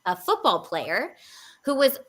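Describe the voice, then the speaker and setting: A woman's voice: a little high, big pitch swings, measured pace, fairly bright tone. A young woman in her twenties speaking as an interview guest, telling a personal story candidly with frequent fillers.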